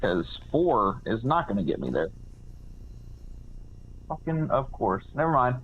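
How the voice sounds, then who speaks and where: A man's voice: mid-range voice, big pitch swings, unhurried, slightly rough. A man chatting casually as a player in a tabletop game, hesitant and self-deprecating. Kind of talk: casual chat at a gaming session. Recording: slightly dull, noisy lo-fi audio.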